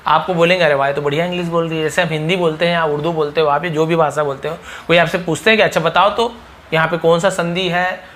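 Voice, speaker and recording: A man's voice: fairly high pitch, fairly even intonation, fast talker, a bit bright. A man teaching spoken English in a casual lesson, repeating each phrase and asking rhetorical questions.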